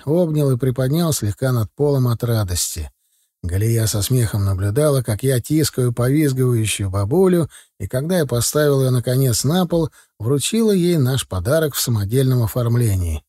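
A man's voice: mid-range voice, lively intonation, moderate pace, mellow, husky, no room sound, clean studio sound. A man reading a first-person story aloud as its narrator, in a plain, conversational way.

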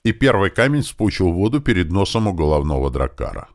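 A man narrating an audiobook in a lively way, raising his voice for the characters' battle commands. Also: low-pitched, brisk.

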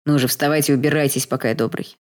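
A woman reading an audiobook, voicing a hooded male battle mage who speaks quietly, tersely and coldly. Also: mid-range voice, steady tone, racing, natural voice. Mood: curt.

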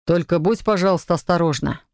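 A woman voicing a calm young husband in an audiobook, speaking with a mildly wry, gently teasing manner. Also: on the low side, brisk, no room sound, clean studio sound, close to an everyday voice. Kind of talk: audiobook character voice.

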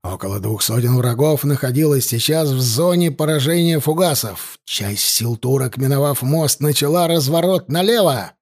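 A man reading an audiobook in scripted narration, dramatic and slowing down for emphasis. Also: medium pitch, a little mellow.

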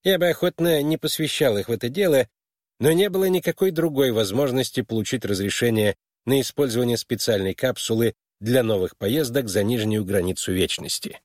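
A man's voice: mid-range voice, fairly quick, a little mellow, no room sound, clean studio sound, lightly acted. A man reading an audiobook and voicing a tired, irritable old male official with old-fashioned gallantry. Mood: tired, irritated.

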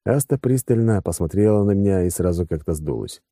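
A man's voice: deep voice, expressive, fairly quick, mellow, dry recording, clean studio sound. A man narrating a first-person audiobook with wry, sardonic asides.

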